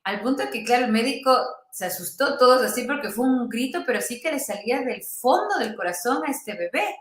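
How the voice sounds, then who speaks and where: A woman doctor being interviewed, telling a patient's story in an earnest, tender way with pauses and restarts. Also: fairly high pitch, expressive, fairly bright tone, echoey room.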